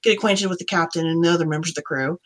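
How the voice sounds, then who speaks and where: A woman's voice: fairly low pitch, rapid-fire, natural voice. A woman voicing a friendly female half-orc with a Southern American accent, speaking in a folksy drawl in a tabletop game.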